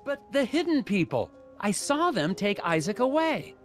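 Awkward high-voiced cartoon agent. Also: male voice, very animated, normal speed, faint music behind. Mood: puzzled. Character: earnest, awkward, by-the-book male FBI puzzle agent. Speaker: detective in a puzzle video game. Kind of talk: cartoon game dialogue and noir-like narration.

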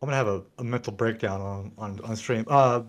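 A man's voice: fairly low pitch, a little fast. A man co-hosting a casual podcast chat. He hesitates often and stumbles through fillers. He keeps cracking goofy jokes. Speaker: podcast co-host.

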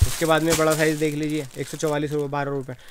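A young man who owns a wholesale shop, showing his goods and quickly rattling off prices while agreeing often. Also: a little high, little pitch movement, background noise. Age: young adult. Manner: rapid salesman patter, rattles off prices; repeats "haan ji" agreement. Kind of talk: product walkthrough. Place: cramped indoor bag shop.

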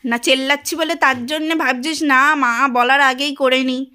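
A middle-aged woman from West Bengal, India, talks at home in a high voice, airing her grievances one after another. Her tone is bright and sharp, hurt, and insistent in a casual home vlog. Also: steady tone, normal speed, smooth. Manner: aggrieved, venting complaints at length. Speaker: vlogger and housewife.

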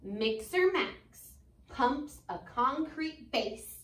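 An elementary school teacher, American and in her twenties, reads a picture book aloud in a high-pitched voice. She's animated and expressive yet deliberate, chatting in asides and questioning the children. The recording is roomy, made indoors in a classroom by a phone camera at a distance.

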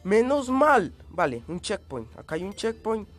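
Excitable gamer with a cold. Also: male voice, sits high, unhurried. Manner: excitable, yelps and screams at in-game hazards. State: coughing, voice changed by a cold. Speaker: let's play gamer. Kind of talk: gameplay commentary.

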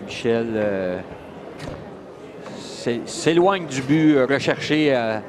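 Speaking slowly but expressively in a mid-range voice, a man provides color commentary live at a shopping mall bowling event. His delivery is halting, packed with fillers and restarts, against a loud, noisy crowd.

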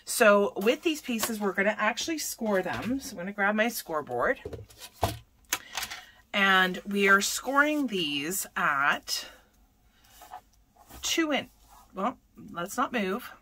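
Hosting a papercraft tutorial, a woman talks as she works, chatting her way through every step and frequently fixing her own wording mid-sentence. Her medium-pitched voice is sing-song and slow, with frequent pauses, and there is background noise.

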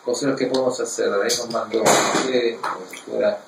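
Gravelly man teaching Torah in an echoey room. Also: medium pitch, a little fast, far from the mic, very noisy. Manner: animated, quotes Hebrew verses and explains them. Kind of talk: Torah class.

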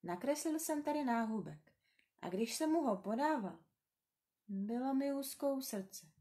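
A woman narrates a children's story in a calm, tender reading. Her voice sits a little high and moves gently and slowly through the sentences.

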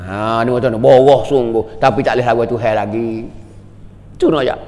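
A man's voice: mid-range voice, steady tone, brisk, darkish tone, big-room sound. A man preaching a sermon, emphatic and repetitive, asking rhetorical questions. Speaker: religious teacher.

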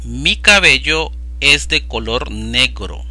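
There is no room sound as a man with an expressive, bright, forceful medium-pitched voice narrates Spanish slides. He reads practice phrases one after another in a slow drill, carefully enunciating each.

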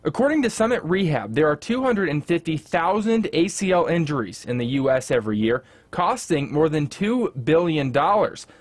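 A male reporter reading a scripted news feature in a measured storytelling delivery. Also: a little high, big pitch swings.

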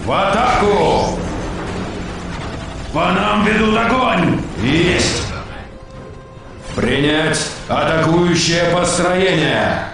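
An actor playing zealous, militant space marine troops in a video game, barking orders in a declamatory, commanding manner. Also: male voice, high voice, expressive, extremely slow, vocal fry, pauses often, full character voice. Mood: fervent, commanding. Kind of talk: video game unit voice acting, battle shouts. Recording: echoing, distant, under loud game music.

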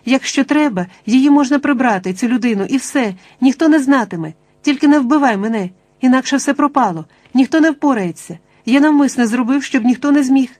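A woman's voice: medium pitch, moderate pace, darkish tone, dry recording, lightly acted. A woman voicing a panicked plump middle-aged man who begs in a rush of pleading words. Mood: frantic pleading. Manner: frantic, pleading, tumbling words.

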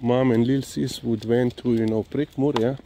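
With a warm, steady, mid-pitched voice, this Slovenian-accented vlogger rambles at a very leisurely pace while out walking. He's a dog owner, and his halting speech leans often on "you know." The recording has clearly noisy outdoor ambience and vehicle sounds.

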